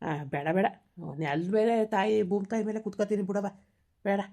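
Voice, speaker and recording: A woman voicing a gentle, grieving old village grandfather with a rural Karnataka Kannada accent, in a village family drama. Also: medium pitch, fairly quick, lightly acted. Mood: humble.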